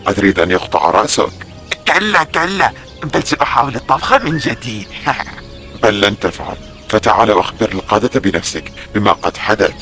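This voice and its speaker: A man's voice: on the low side, fairly bright tone. A man playing stern ancient Roman soldiers and officers in an audio drama. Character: gruff Roman soldiers and commanding officers, adult men.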